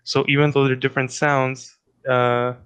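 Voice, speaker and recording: A man's voice: medium pitch, little pitch movement, normal speed, a bit bright, clean tone. A man giving a casual explanatory talk on linguistics, thinking aloud and correcting himself as he goes. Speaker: linguistics presenter.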